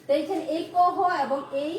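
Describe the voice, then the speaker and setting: A woman's voice: very high-pitched, steady tone, moderate pace, darkish tone. A woman teaching a grammar lesson to students. She repeats each point and asks herself questions as she explains. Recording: echoey room, mic at a distance.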